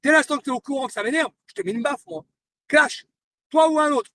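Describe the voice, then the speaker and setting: A man's voice: very high voice, fairly quick, pushed and bright, no room sound, recorded from a distance. A man livestreaming a heated, confrontational rant, taunting his target and repeating his points. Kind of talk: heated live-stream rant.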